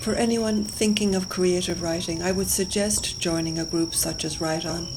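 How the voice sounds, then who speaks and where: A woman's voice: lowish voice, steady tone, moderate pace, very noisy. A woman from Galway, giving a scripted personal introduction. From Galway, west of Ireland. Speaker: writing group member. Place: recorded for a lakeside woodland walk video.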